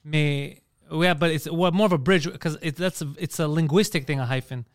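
A man's voice: fairly high pitch, normal speed, no echo, clean studio sound. A man speaking French with a Greek accent, a comedian hosting a casual podcast chat and slipping into English mid-sentence.

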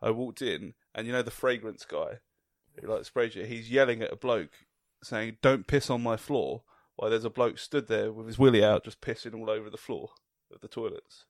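A man's voice: lowish voice, moderate pace, hardly any pauses, no echo. A young man, co-hosting a casual podcast, telling crude stories and laughing often. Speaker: podcast co-host. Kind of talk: casual chat.

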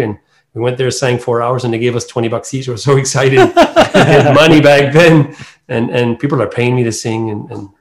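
Acadian man, rambling and casual. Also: mid-range voice. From New Brunswick, Canada. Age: middle-aged. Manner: rambling, loosely strung clauses. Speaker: singer, interview guest. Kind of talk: casual interview answers.

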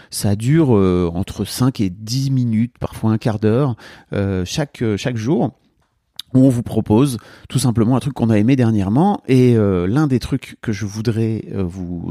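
Male podcast host, mellow tone, dry sound, playful and filler-heavy. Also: fairly low pitch, no room sound. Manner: chatty, jokey, many fillers. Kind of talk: casual podcast chat.

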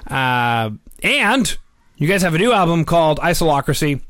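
A man hosting a rock and metal podcast interview, upbeat and chatty, quick to laugh. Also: on the high side, very animated, a bit bright, no room sound, studio quality. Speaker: podcast host. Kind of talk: casual interview.

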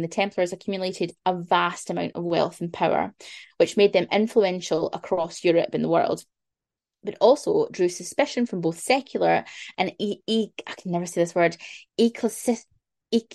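A young woman co-hosting a chatty podcast, reading out history notes at a relaxed pace. She swears casually, trips over big words and laughs at herself. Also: on the low side, normal speed, creaky. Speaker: podcast co-host.

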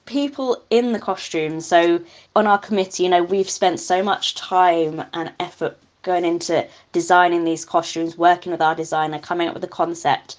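A woman's voice: lowish voice, fairly even intonation, normal speed. A woman answering interview questions, chatty and enthusiastic, laughing now and then. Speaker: carnival band committee member.

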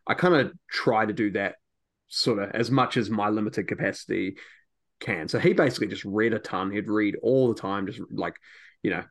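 Host, male, low-pitched, talkative, lots of "like"s, keen tone. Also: normal speed. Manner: chatty, full of filler words, eager. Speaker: podcast host and preacher. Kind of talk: casual chat.

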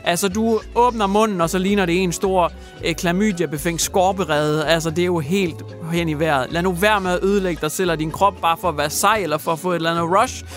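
Guy hosting radio, highish voice, jokey and crude, acts out the stories, faint music behind. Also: steady tone, a bit bright. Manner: jokey, crude, theatrical retelling. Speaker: radio show host. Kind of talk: comic radio news chat.

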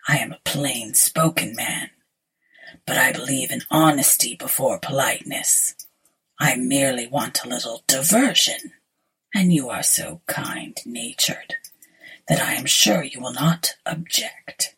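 A woman voicing a pale, cold male stranger who speaks in a slow, hushed whisper in a storybook reading. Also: very deep voice, slightly rough, pitched below the performer's own voice, exaggerated voice, rough recording.

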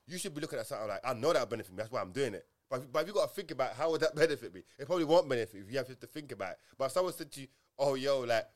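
A man with a London roadman accent talks very fast in casual podcast conversation. He leans on street slang and drives each point home by repeating and rephrasing it, in a mid-pitched voice. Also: animated. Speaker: podcast co-host.

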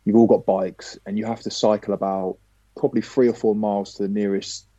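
A man, a professional footballer, telling a lively anecdote as a podcast guest, casually swearing now and then. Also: fairly low pitch, a little fast, dry recording, dull audio.

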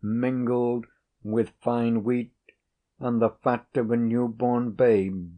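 A man reading aloud and voicing a calm, sly older male traveller who is the devil, speaking in a measured way. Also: mid-range voice, close to an everyday voice. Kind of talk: audiobook character reading.

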